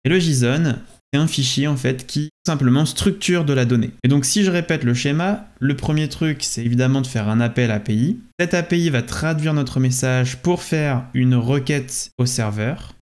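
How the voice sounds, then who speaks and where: A man's voice: mid-range voice, darkish tone. A man presenting a screen tutorial, explaining step by step and speaking directly to the viewer. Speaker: data consultant presenting a tutorial.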